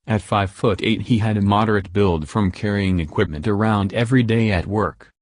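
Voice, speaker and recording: A man reading an audiobook in a steady, measured narration, recorded close to the mic. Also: fairly low pitch, no room sound.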